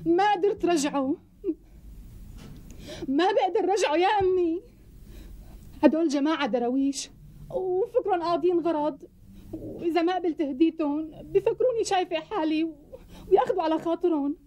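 An actress playing a flustered young doctor who talks in a fretful, pleading way with a Syrian Arabic accent in a TV sitcom. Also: female voice, very high voice, moderate pace, long pauses, mellow. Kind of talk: TV sitcom acting.

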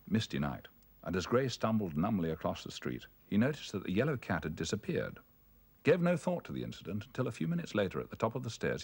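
Low, gravelly man telling a ghost story. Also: a little mellow. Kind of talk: dramatic ghost story reading.

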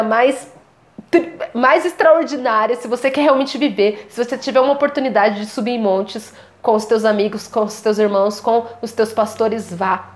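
A young woman from Brazil telling a faith testimony as a casual vlog, acting out the voices of her mother and sister with lively jumps. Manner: animated, acts out quoted voices with big pitch jumps.

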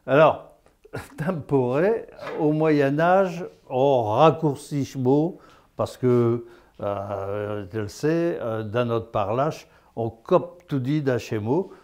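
Give me an unhurried teacher, a man chatting through a dialect lesson. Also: mid-range voice, darkish tone. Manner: chatty, tags lines with "hein?", laughs at his own jokes. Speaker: patois teacher on local TV. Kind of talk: folksy dialect lesson with anecdotes.

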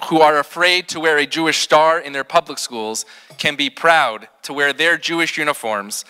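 A middle-aged man, a rabbi, giving a prepared ceremony speech at a podium, telling stories with slowed, emphatic pauses. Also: on the high side, sharp tone, smooth. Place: large hall with balloon decor. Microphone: podium microphone. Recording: long hall reverb.

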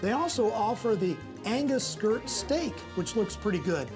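A man's voice: sits high, animated, normal speed, music in the background. A young man reporting restaurant inspection scores on location for local TV news, upbeat and pushing for answers. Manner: upbeat, confronting.

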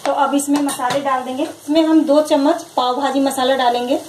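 A woman hosting her own cooking channel, calmly walking through a recipe step by step in her home kitchen. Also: high voice, a little fast, background noise. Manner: calm, instructive, repeats each step. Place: home kitchen, over frying sounds.

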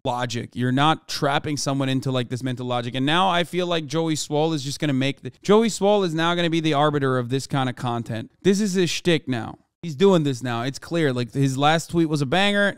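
A man's voice: a little high, smooth, dry recording. A man in his thirties, a streamer, ranting with exasperation and lots of swearing in live commentary, recorded in his home streaming room on a studio mic. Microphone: studio mic on boom arm.

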